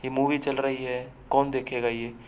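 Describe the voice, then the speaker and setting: A man's voice: medium pitch, little pitch movement, moderate pace, a little mellow, a little hiss or hum, lightly acted. A man voicing a nervous young male student who brushes off teasing, on a slightly muffled recording. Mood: anxious. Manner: defensive, brushing off.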